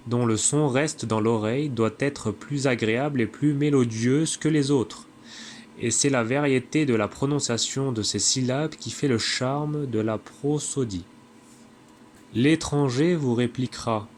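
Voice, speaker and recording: A man reading a classic text aloud in a measured way, now and then stumbling and correcting himself. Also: medium pitch, a little hiss or hum. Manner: measured, with occasional slips and self-corrections. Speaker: reader.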